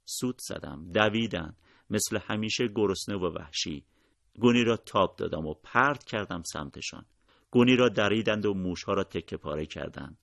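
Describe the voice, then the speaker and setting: Male audiobook narrator: somber, measured storytelling, dry close recording, very low voice. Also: creaky, fairly bright tone, no room sound.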